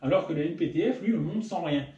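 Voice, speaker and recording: A man hosting his own workshop channel, explaining machining in a casual technical tutorial, often pausing with fillers. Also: fairly high pitch, lively intonation, warm tone, muffled recording. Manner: hesitant, many filler pauses. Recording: roomy echo.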